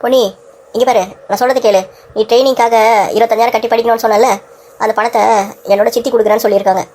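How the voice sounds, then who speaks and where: A woman's voice: a little high, steady tone, racing, dark tone, natural voice. A woman voicing a caring young man who talks earnestly and persuasively in a cartoon story. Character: caring young man, protective of his cousin.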